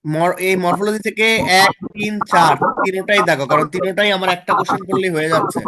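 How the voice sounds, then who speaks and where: A man's voice: sits high, steady tone, fast talker, a loud crowd. A man tutoring students through exam topics in a casual online lesson, often checking in with them.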